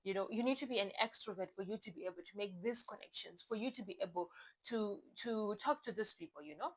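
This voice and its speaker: A woman's voice: mid-range voice, fast, rough recording. A young woman from Zimbabwe talking casually to the camera as a vlogger, chatty and often restarting her phrases.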